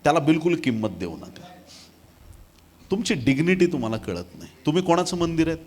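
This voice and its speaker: A man preaching a sermon as pastor, moving from quiet storytelling to loud, shouted praise and calls of hallelujah. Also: fairly high pitch, big pitch swings, fairly quick.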